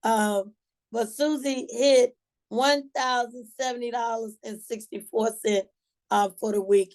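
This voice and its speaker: A woman with a slightly high voice and a Georgia Southern accent hosts a motivational call for her sales team. She talks in a folksy, colloquial way, encouraging the group like a team leader. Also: a little mellow. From Georgia, USA.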